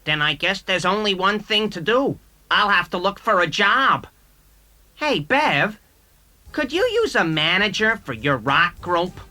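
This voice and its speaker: Brash, bright-edged wisecracking cartoon duck. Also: male voice, high-pitched, big pitch swings, a little slow, heavily acted. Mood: wry. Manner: sardonic, brash. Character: Howard, wisecracking grumpy male talking duck from another planet. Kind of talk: dramatized children's read-along audio story.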